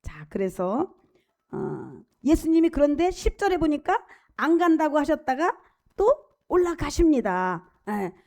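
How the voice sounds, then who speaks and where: A woman pastor delivers a sermon in a high, bright-pitched voice that rises and falls with great animation. She talks with her congregation directly, asks them questions and repeats key phrases for weight. She acts out prayers and quoted speech as she goes. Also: very animated, unhurried, vocal fry.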